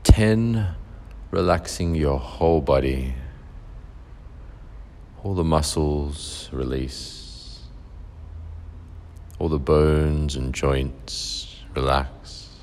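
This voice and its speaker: A man leading a guided relaxation meditation, giving calm, soothing instructions with long pauses. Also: very deep voice.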